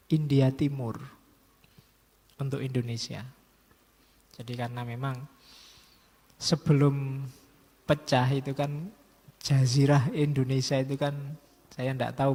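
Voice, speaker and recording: A middle-aged man giving a relaxed evening lecture, chatty and joking, slipping in words. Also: medium pitch. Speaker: lecturer on philosophy and history. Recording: hall with long reverb.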